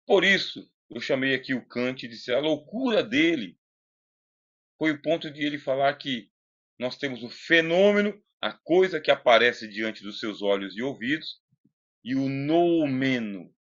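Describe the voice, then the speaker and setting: A man's voice: mid-range voice, lively intonation, measured pace, fairly bright tone. A man with a Brazilian accent giving an informal philosophy lecture in a conversational, didactic way, putting questions to the listener, close to the microphone. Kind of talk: informal recorded lecture with read-aloud passages. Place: closed room indoors. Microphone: close Bluetooth microphone. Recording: slightly dull, lo-fi computer audio.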